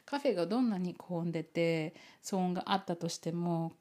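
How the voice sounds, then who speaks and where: A woman's voice: fairly low pitch, a little fast, mellow. A woman chatting casually and unscripted as an online teacher and video host, switching between two languages and repeating herself in both. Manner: chuckles now and then while talking. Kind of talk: casual rambling chat to camera, unscripted.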